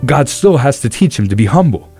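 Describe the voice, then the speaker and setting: A man's voice: mid-range voice, fairly quick, slightly rough, soft background music. Earnest young man retelling a Bible story. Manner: earnest, animated storytelling with many restarts. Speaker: podcast co-host. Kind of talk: casual Bible discussion.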